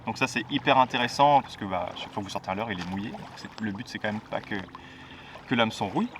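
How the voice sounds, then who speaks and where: A man's voice: fairly low pitch, expressive, fast, far from the mic, a little hiss or hum. A man giving a casual product presentation for a fishing brand, talking in a chatty way with frequent "euh" fillers and restarts.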